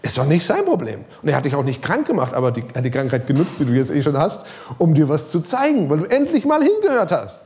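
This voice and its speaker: A man's voice: fast talker, hardly any pauses. A middle-aged male pastor preaching a sermon, talking casually and directly to his listeners, his voice rising and falling. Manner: lively preaching, pitch rising and sinking, some quiet passages; casual, direct address with English loanwords.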